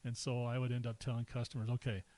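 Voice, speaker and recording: Talking fast, a middle-aged podcast guest tells relaxed personal stories, chuckling as he goes and performing the quotes. His mid-range male voice is on a dry, rough recording.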